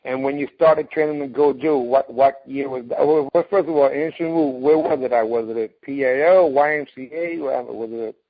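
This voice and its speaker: A man hosting a casual radio interview, telling stories with lively acted-out quotes. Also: medium pitch, fairly quick, few pauses. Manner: animated storyteller, acts out quotes. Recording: phone-like radio audio.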